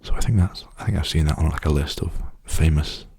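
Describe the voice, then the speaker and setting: A man speaking in a soft, hushed ASMR style, often slipping into a whisper as he rambles casually and gently. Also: a bass voice, a little fast, breathy edge. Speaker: ASMR video host. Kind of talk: softly spoken ASMR rambling.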